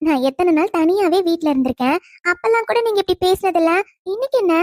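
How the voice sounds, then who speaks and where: Calm, teasing young wife, voiced by a woman, very high and bright, dry studio read. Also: quick pace, dry recording. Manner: gentle, soothing, teasing. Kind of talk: cartoon storytelling narration.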